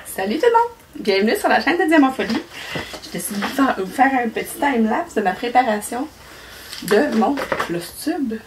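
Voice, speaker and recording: A woman from Quebec with a Québécois accent, chatting casually as a cross-stitch vlogger, rambling and laughing often. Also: mid-range voice. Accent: Québécois French. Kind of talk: casual chat. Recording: voice a bit far from mic, faint noise.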